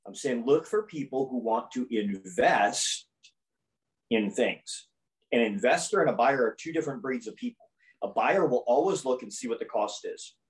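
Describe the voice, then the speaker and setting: A man's voice: mid-range voice, lively intonation, normal speed, rough recording. A man who is a podcast guest and sales coach, making his points emphatically in a conversational interview and often repeating phrases for effect.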